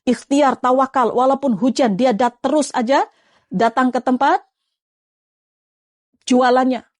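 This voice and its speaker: Female preacher, high voice, dry close sound, coaxing delivery. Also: unhurried, no room sound. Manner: lively, coaxing, addresses viewers as friends. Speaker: Islamic preacher. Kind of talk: live-streamed religious talk.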